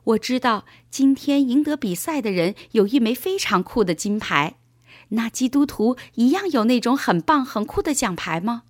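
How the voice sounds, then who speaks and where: Lady doing a keen little schoolboy in a kids' story, husky voice pushed up higher, bouncy. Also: expressive, normal speed, dry recording, clean studio sound. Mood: curious. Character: eager young schoolboy, cheerful and curious.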